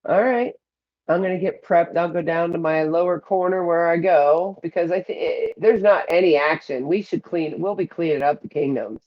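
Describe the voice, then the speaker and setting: A woman with a lowish voice at normal speed streams a mobile game from home. She chats casually and gives a running commentary on her rewards, in muffled lo-fi audio.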